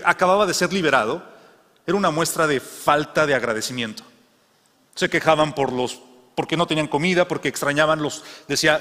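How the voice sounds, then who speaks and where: A man delivering a sermon, telling stories and circling back to repeat his phrases. His voice is bright and a bit high, and a long reverb trails after every word. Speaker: preacher.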